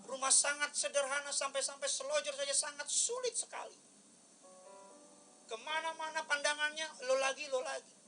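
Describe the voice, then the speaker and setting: A male pastor preaching in church with a strikingly high, sharp and forceful voice. He talks in a colloquial, slangy way and swings from loud outbursts to hushed asides. Faint instrumental music plays underneath. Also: little pitch movement, normal speed, low-quality recording. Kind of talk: midweek sermon.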